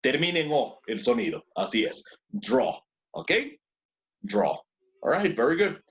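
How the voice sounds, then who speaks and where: A man's voice: fairly high pitch, sing-song, brisk, fairly bright tone, lo-fi sound. A man teaching an English class in two languages, who repeats words and keeps praising his students. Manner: switches between two languages to explain.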